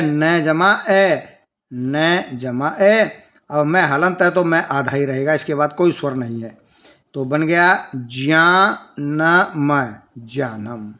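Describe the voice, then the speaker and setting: A man's voice: on the high side, pushed and bright. A man teaching a children's language lesson, patiently breaking words into sounds and spelling them out step by step.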